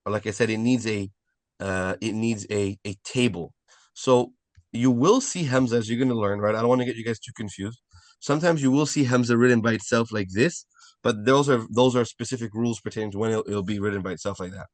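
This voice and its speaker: Talking fairly quickly in a fairly low voice, a man gives a live online language lesson to beginners, with no room sound. He moves step by step, repeats the important points, and checks understanding with lots of "right?".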